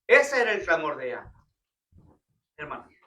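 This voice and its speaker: A man's voice: on the high side, sing-song, moderate pace, sharp tone. A man leading a church Bible study, asking the congregation questions and calling them "brothers" often. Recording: roomy church hall, picked up from a distance.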